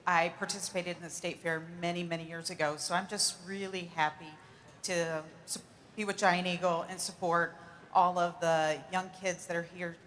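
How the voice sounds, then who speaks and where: A woman's voice: on the low side, level tone, normal speed, fairly bright tone, a little hiss or hum. A middle-aged woman representing a buying company, giving short plain interview answers with some hesitations. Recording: long hall reverb.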